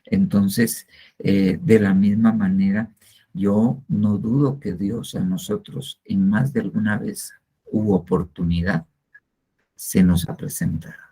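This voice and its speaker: A man's voice: fairly low pitch, takes it slowly, mellow, slightly rough. An older man teaching a church discipleship class in a rambling, repetitive way, full of hesitant fillers. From Guatemala. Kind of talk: informal sermon teaching. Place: church class, not seen.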